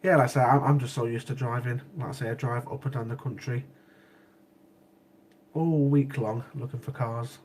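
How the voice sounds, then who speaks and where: Here a livestream host, sniffling from a cold, chats casually with viewers in the live chat. His mid-range voice is a little mellow, with fairly even intonation and a moderate pace. Laughter comes easily to him, and he frequently says things more than once.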